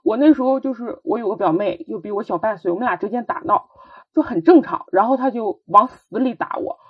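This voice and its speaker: A young woman with a husky, breathy voice tells her personal story as a podcast guest. She speaks earnestly and haltingly, often restarting her sentences. The recording sounds dull and lo-fi. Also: fairly high pitch.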